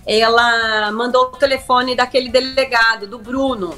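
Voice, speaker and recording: High-voiced woman telling a story. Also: fairly even intonation, normal speed, sharp tone, soft background music. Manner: breathless, emotional, acts out quotes, many restarts. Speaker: guest, reality show contestant. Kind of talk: animated storytelling in a chat.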